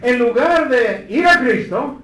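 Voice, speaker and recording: A male preacher delivering an impassioned sermon, swinging between shouted pleas and hushed, low passages, calling his listeners brother again and again. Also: lively intonation, slow pace, distant mic. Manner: addresses listeners as brother over and over. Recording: echoey hall, voice from off-mic.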